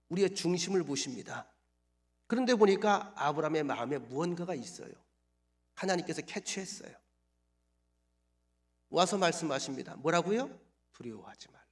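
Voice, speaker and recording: A middle-aged male pastor preaching a sermon, moving between hushed, near-whispered lines and loud, emphatic declarations. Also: fairly high pitch. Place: church sanctuary.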